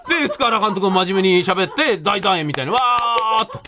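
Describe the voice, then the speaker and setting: A man telling a comic anecdote in an animated way, laughing as he goes and acting out what people said. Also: high-pitched, fairly quick. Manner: animated, laughs while telling, acts out quoted voices. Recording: noisy recording.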